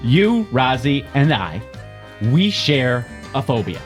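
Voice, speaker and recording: A man's voice: mid-range voice, very animated, takes it slowly, faint music behind. A middle-aged man hosting a casual podcast chat, telling stories loosely with laughs and restarts. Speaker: podcast host.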